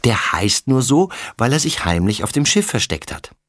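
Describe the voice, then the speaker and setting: A man voicing a calm, sensible girl and older sister in a children's audiobook, gently matter-of-fact. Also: medium pitch, moderate pace, no echo, clean studio sound, pitched above the performer's own voice. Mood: plain.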